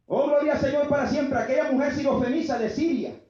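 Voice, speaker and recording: A man preaching a fervent sermon, building to shouts, with his congregation called to answer. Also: extremely high pitch, fairly even intonation, a little fast. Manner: fervent call-and-response preaching, often shouting. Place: church sanctuary. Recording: very echoey, muffled church PA sound.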